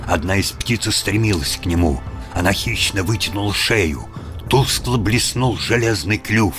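A man narrating a story in a measured, dramatic reading style. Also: fairly low pitch. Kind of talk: scripted audiobook narration.

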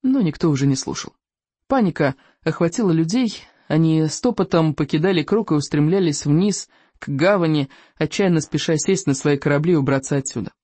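An audiobook narrator reading a children's adventure story in an animated, theatrical way. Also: medium pitch, brisk, no echo.

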